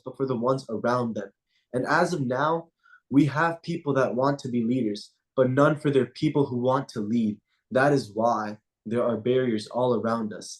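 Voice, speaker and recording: Over a video call, a young male student poet whose native language is Punjabi performs a spoken-word piece in a measured, rhythmic cadence, then slips into casual chat. His voice is medium-pitched and slightly mellow, and the recording quality is low.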